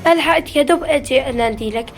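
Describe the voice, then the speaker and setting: A young adult woman speaks very fast in a high-pitched voice, hosting a family prank vlog at home. She fusses and dotes as she talks, with music playing in the background.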